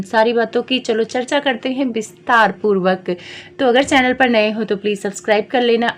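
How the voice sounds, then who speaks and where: A woman vlogger talking straight to her viewers and scolding the people she reacts to in a chatty, pointed way. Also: on the high side. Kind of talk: reaction commentary vlog.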